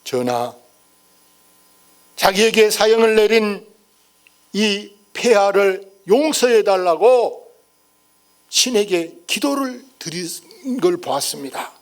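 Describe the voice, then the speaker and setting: A pastor voicing a deferential, kindly court minister. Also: male voice, high voice, big pitch swings, slow, long pauses, heavily acted. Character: kindly, merciful male royal minister.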